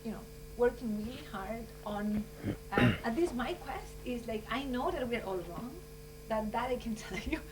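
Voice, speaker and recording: A woman's voice: a little high, normal speed, hardly any pauses. A woman from Chile, giving earnest, rambling closing remarks at a conference. She fills her speech with "you know" and "like.". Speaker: scientist speaking at a conference. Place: conference room. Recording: distant mic with hum.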